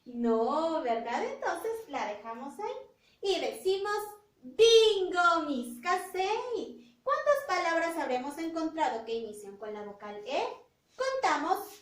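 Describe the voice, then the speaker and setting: A woman teacher giving a phonics lesson to young children, drawing out words slowly and praising in a sing-song way. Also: high voice, sing-song. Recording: roomy echo, voice from a distance.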